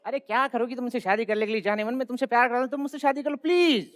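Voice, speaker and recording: A man's voice: extremely high pitch, very fast. A man playing a cheeky, scheming husband in a stage comedy sketch, cracking teasing rhyming one-liners. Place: TV studio stage.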